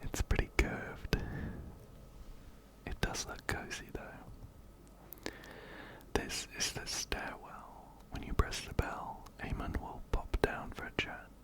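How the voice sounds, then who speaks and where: Very near a close-up binaural microphone, a man narrates gameplay in a hushed, breathy, unhurried ASMR whisper, quietly repeating words from one ear to the other.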